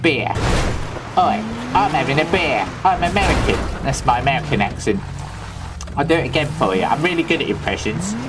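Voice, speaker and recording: Man voicing a cheeky Cockney rogue, rambling gameplay chatter, deadpan absurd asides, game music under. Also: mid-range voice, brisk, lightly acted. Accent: London Cockney. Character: loveable daft thieving Cockney man, a self-proclaimed film star. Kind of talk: comedic gameplay commentary in character.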